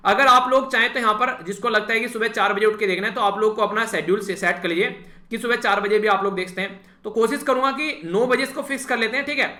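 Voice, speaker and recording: A man teaches an exam-prep lesson at a brisk pace. His voice sits high and sounds bright and forceful. The room around him echoes. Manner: repeats "thik hai" as a filler, addresses students directly. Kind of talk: casual spoken lecture.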